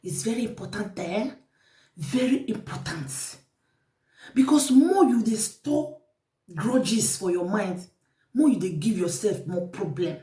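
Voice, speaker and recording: A woman's voice: medium pitch, lively intonation, measured pace, mellow. Echoey Nigerian Pidgin woman vlogger. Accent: Nigerian Pidgin English. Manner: repetitive, exhorting, preachy. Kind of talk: casual advice monologue to viewers. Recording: echoey room, mic at a distance.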